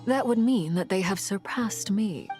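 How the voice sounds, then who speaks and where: An actress voicing a composed, stern woman leader in a fantasy game, speaking calmly and formally. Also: mid-range voice, faint music behind, natural voice. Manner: calm, measured, formal. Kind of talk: video game cutscene voice acting.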